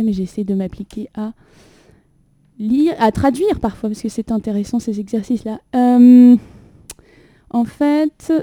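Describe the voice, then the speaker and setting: A fairly high, mellow female voice with no room sound belongs to a young poet who hosts the reading. She moves between casual chat and poetry, laughing frequently and full of fillers, while a phone propped on a water carafe records her in a small room.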